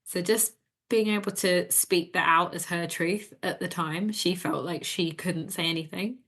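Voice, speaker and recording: A woman practitioner leading a guided tapping session, giving calm, gentle instructions and phrases to repeat. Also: fairly low pitch, a little slow.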